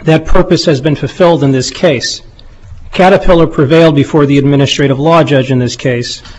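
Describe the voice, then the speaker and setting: A man making a formal legal argument in a courtroom, speaking deliberately and deferentially as an appellate lawyer. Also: on the high side. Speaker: lawyer arguing an appeal. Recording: dull, muffled courtroom recording.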